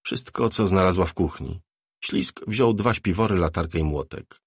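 A low, husky male narrator reads a scripted audiobook at normal speed. The recording is studio quality, with no room sound.

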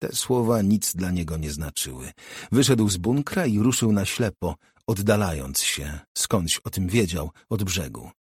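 A man narrating an audiobook in a measured, unhurried reading. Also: low voice, lively intonation, darkish tone, husky, dry recording, clean studio sound. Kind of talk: scripted narration.

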